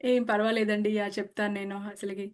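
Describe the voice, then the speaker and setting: A woman's voice: mid-range voice, level tone, a little fast, darkish tone. A woman telling the story of her own spiritual experience in a conversational way, earnest and full of restarts, slipping English words into her speech. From India. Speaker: meditation practitioner sharing her experience. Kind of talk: personal testimony, conversational.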